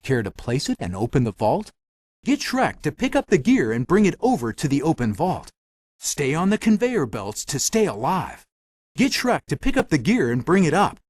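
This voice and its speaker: A man's voice: on the high side, wildly swooping pitch, moderate pace, darkish tone, no echo, clean studio sound. A man voicing a magic mirror in a video game, a helpful storybook guide with a theatrical storytelling delivery. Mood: helpful, encouraging. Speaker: game hint-giver and story narrator. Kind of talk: scripted video game narration.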